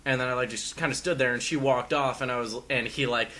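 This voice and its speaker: Man, gaming podcast host, casual rambling chat, bright tone, faint background hiss. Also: medium pitch, fairly even intonation, quick pace. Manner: rambling storyteller with many fillers and restarts.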